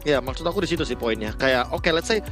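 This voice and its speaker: A man's voice: mid-range voice, lively intonation, fast talker, music in the background. A man with an Indonesian accent giving conversational esports analysis, explaining it point by point.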